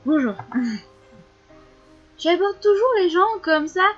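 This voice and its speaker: A woman's voice: extremely high pitch, lively intonation, takes it slowly, highs cut off, faint music behind, voice pushed up, full character voice. A woman voicing a cheeky young male elf who teases and scolds. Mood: teasing.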